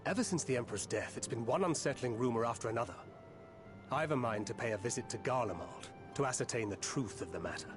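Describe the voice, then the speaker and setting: A man plays a resolute, wary scout in a fantasy game. He talks quickly at a medium pitch over faint music. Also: lively intonation, lightly acted. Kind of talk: scripted fantasy game acting.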